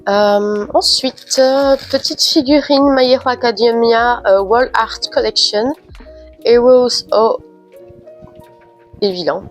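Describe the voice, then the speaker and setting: A woman's voice: a little high, a little slow, hardly any pauses, soft background music. A woman with a cold and a stuffy, nasal voice, chatting casually through an unboxing with frequent hesitant fillers. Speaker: unboxing vlogger.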